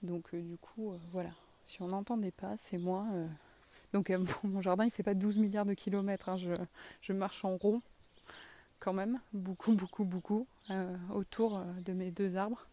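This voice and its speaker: A woman from the southwest of France talks on her own podcast with a strong regional accent and a mellow, warm tone. She walks around her garden as she talks, speaking candidly, running herself down and swearing now and then. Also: medium pitch, little pitch movement, moderate pace, a little hiss or hum. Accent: southwest French. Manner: candid, self-deprecating, casual swearing. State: walking while talking. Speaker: podcast host. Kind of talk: casual solo podcast monologue. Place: outdoors in her garden, walking in circles.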